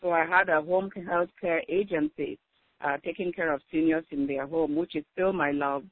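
A woman's voice: sits low, fairly even intonation, normal speed, no echo. An older woman from Cameroon with a Cameroonian accent, explaining her background steadily as a guest on a phone interview. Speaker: guest author. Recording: phone-like narrow line.

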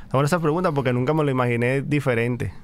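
A man appears as a baseball league executive in a sports podcast interview, answering in a measured way with many pauses and fillers. His voice is medium-pitched, with slight background noise.

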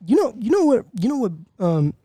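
A man's voice: very high voice, sing-song, brisk, dark tone, no room sound. A young man as a guest on a podcast, talking in a laid-back way in casual chat, laughing and often restarting his sentences.

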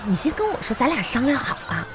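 A woman's voice: sits high, very animated, quick pace, over music. A woman playing a scolding northeast wife. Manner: scolding, exasperated. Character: scolding wife craving a fancy dinner. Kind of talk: comedic audio sketch.

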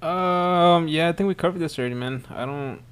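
A man's voice: fairly high pitch, moderate pace, fairly bright tone, clear, resonant tone. A man in his twenties joking around in casual podcast banter, laughing and firing back playful comebacks. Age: 20s. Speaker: podcast co-host.

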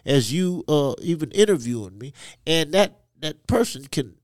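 A man from Ivory Coast, giving personal testimony as a podcast guest in halting, hesitant phrases. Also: fairly high pitch, very animated, darkish tone, no room sound, studio quality. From Ivory Coast, West Africa. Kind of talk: personal testimony in a conversational interview.

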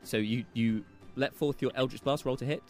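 A man narrating a tabletop game as game master, improvising and often halting to search for his phrasing. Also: medium pitch, fairly even intonation, a little mellow, soft background music.

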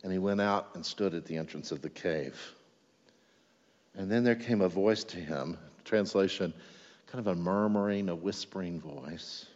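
A man's voice: low voice, moderate pace, a little mellow. A man preaching a sermon as a pastor, in a conversational way that keeps checking in with the congregation. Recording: echoey hall, dull lo-fi sound.

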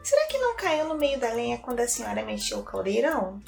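A woman's voice: a little high, wildly swooping pitch, fast, vocal fry, full character voice. A woman voicing a clever, timid little girl in a storybook reading, hesitant and polite. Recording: roomy with soft music.

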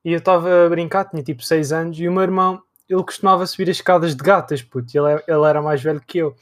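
A young man with a European Portuguese accent chatting casually and telling stories with friends in an excitable, slangy, insistent manner. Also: on the high side, very fast. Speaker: podcast co-host. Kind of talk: casual chat, storytelling among friends.

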